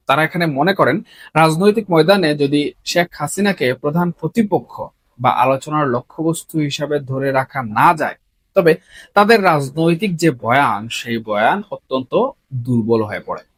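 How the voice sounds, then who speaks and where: A man, hosting a solo political commentary in an earnest, measured way and often asking rhetorical questions. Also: on the high side, breathy edge, no echo. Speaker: political commentator, channel host.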